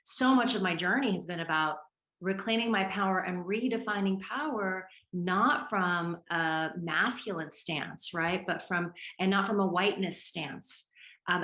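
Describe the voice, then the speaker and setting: A woman's voice: fairly low pitch, a little slow, a bit bright. A woman panelist speaking reflectively at a conference, thinking aloud and correcting herself as she goes. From born in Lebanon, moved as a young child. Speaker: panelist, activist and trauma specialist. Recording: echoey room.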